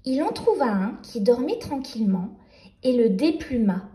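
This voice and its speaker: A woman gently reading a picture book aloud for young children. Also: fairly high pitch, very animated, moderate pace, reverberant. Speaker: storyteller.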